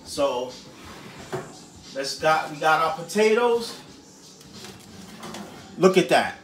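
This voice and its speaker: A man's voice: on the high side, animated, slow, fairly bright tone, slight background noise. A man hosting a home cooking show, talking casually to viewers in slang while he fills potatoes. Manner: slangy, chatty, talks to viewers as he cooks.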